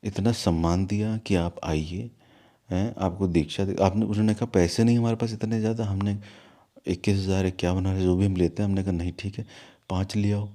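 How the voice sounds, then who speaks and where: Low, mellow man; spiritual teacher recounting an incident, animated and scolding in turns. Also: a little fast. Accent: Hindi, from north India. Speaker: guru of an ashram. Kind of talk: storytelling in an interview.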